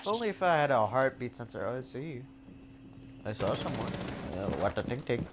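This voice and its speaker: A man with a mid-range voice heckles his friend nonstop while they play, throwing in crude jokes and quick callouts. A clear hiss of noise sits under his voice. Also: mid-range voice, sing-song. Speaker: gaming friend. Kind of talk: casual gameplay chat.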